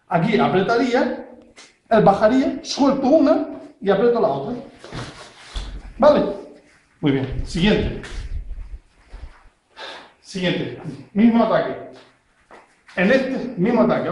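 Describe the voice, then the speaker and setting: A man's voice: high-pitched, darkish tone. A man, a self-defense instructor demonstrating techniques step by step and checking in constantly with his learner. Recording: very echoey room.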